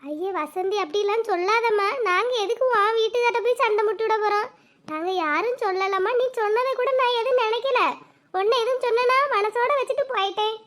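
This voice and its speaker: A woman's voice: very high voice, brisk, a bit bright. A woman voicing a peacemaking village neighbor woman who coaxes and mildly scolds. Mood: coaxing.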